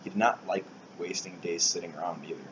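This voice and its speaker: Casting: male eulogist, very deep voice, solemn scripted reading with soft trailing phrase ends, captured in dull lo-fi sound. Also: fairly even intonation, fast. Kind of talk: prepared eulogy speech. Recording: dull lo-fi recording, loud air-conditioning hiss.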